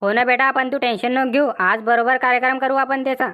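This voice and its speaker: A woman's voice: high-pitched, fairly even intonation, fast, phone-quality sound, close to an everyday voice. A woman voicing a protective older village mother-in-law in a cartoon comedy, with a rural Vidarbha Marathi accent and a soothing manner. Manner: soothing, reassuring.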